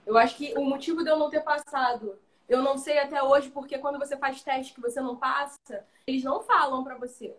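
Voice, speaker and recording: A woman's voice: high-pitched, fast talker. A Brazilian woman, a guest actress, telling stories animatedly in a casual live chat over a video call. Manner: animated storytelling, slangy. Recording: roomy echo.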